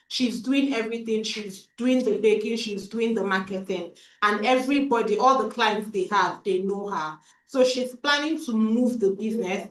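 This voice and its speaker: A woman moderating a panel's question session over a video call, relaying audience questions in a halting way and repeating words as she goes. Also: medium pitch, a little hiss or hum. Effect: heard over a video call. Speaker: webinar moderator. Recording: echoey, distant video-call audio.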